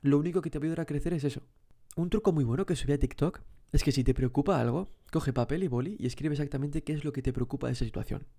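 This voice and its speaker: A man's voice: medium pitch, creaky, mellow. A man hosting a motivational self-help podcast, speaking straight to the listener with many rhetorical questions and repeated words for emphasis. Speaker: podcast host.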